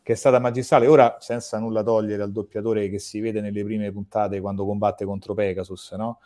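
A man's voice: lowish voice, little pitch movement, a little fast, warm tone. A man interviewing a guest, chatting at length like a fan, with rambling sentences and frequent restarts. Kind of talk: casual interview chat.

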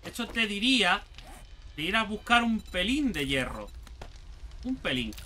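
Excitable high-voiced Spanish gamer man. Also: measured pace, a little hiss or hum. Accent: Spain Spanish. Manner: excitable, talks to himself and the game, swears casually. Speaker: gaming channel host. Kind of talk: let's play commentary.

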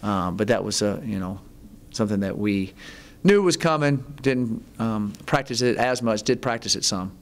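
Halting low-voiced coach with gravelly tone. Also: male voice, animated. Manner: halting, many ums and restarts, plain-spoken. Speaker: head football coach. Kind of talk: postgame press conference answers. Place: press conference room, seated at table. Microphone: table mic in front.

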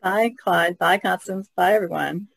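A woman's voice: on the low side, a little slow, creaky, no room sound. A woman chatting casually as a panelist on an art podcast. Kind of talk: casual chat.

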